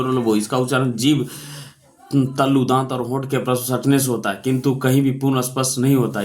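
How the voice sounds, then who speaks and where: A man teaching a grammar lesson, asking questions and answering them himself, repeating key points. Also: medium pitch. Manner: repetitive, quizzing questions then answering them. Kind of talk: classroom lesson explanation.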